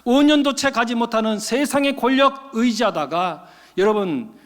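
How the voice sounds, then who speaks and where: A male pastor preaching a sermon, telling a story in an animated way and acting out the characters' voices. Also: extremely high pitch, moderate pace. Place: church sanctuary. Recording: long church-hall reverb.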